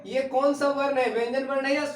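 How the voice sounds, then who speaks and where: A man's voice: very high-pitched, flat delivery, brisk. A male teacher giving a classroom lesson, asking his students questions and repeating their answers. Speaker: Sanskrit teacher. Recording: echoey classroom recorded from a distance.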